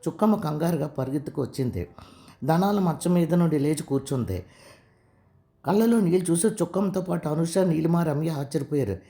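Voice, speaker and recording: Gravelly, dark-voiced male story narrator. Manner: reads dialogue with small pitch lifts for each character. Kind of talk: scripted narration of a serial novel, voicing all characters.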